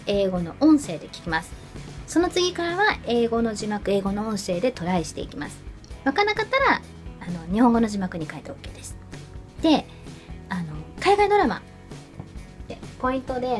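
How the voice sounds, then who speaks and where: A Japanese woman hosting a casual spoken lesson, chatty and lively, mimicking English phrases as she explains. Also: fairly high pitch. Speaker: English study channel host.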